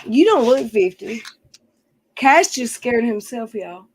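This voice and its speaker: A woman's voice: fairly high pitch, very animated, slow pace, slight background noise, poor audio. A woman in her forties hosting a casual livestream chat, reading out viewer comments as she talks. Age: 40s. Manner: chatty, reads out viewer comments. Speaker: stream host. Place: outdoors near her house.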